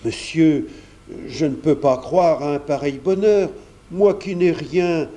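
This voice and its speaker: A man's voice: fairly high pitch, slow pace, warm tone. A man reading aloud and voicing a humble young café waiter, hesitant and modest.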